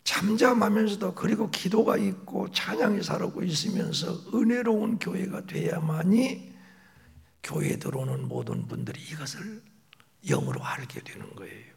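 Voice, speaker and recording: Gravelly pastor with lively, rising delivery. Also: male voice, sits high, normal speed. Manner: shifts between raised emphatic phrases and soft whispered asides. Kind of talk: sermon.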